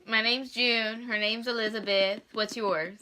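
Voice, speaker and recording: Jumpy woman ghost hunter, bright voice. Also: on the high side, steady tone, measured pace, rough recording. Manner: jumpy, creeped out, swearing casually. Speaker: amateur ghost hunter leading a spirit box session. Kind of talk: casual ghost hunt, questioning spirits aloud. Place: indoor room.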